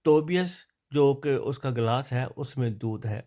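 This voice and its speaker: A man teaching pronunciation, slowly drawing out the sounds as he demonstrates each word. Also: medium pitch, steady tone, dark tone. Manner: slow, drawn-out sounds when demonstrating words. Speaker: language teacher. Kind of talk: explaining pronunciation.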